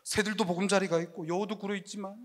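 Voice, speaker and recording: Calm slow Jesus voice, soft and solemn, man doing it, high voice but dipped low. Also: in a large hall.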